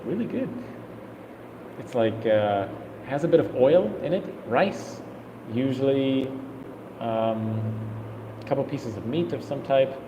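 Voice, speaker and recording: A man's voice: medium pitch, lo-fi sound, background noise. Thirties male travel vlogger, casual rambling Q and A, echoey room with a long tail. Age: 30s. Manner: casual, rambling, thinks aloud while reading chat. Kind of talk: live stream Q and A.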